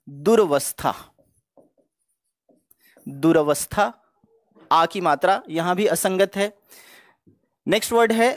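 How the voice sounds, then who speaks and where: A man's voice: high-pitched, no echo, studio quality. A man teaching Hindi spelling for exam preparation, going word by word in a methodical, explanatory way. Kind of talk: exam-prep spelling lesson.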